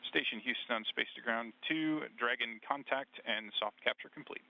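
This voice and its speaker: A man's voice: medium pitch, normal speed, gravelly. A man giving terse procedural callouts over a crackly space-to-ground radio link. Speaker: mission control radio voice. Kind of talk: clipped radio calls. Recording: lo-fi radio relay from a distance.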